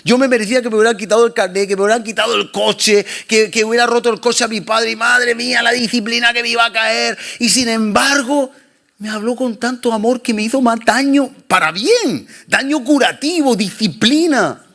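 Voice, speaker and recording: A man preaching a sermon as pastor, swinging between loud and soft passages. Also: very high voice, a little fast, creaky.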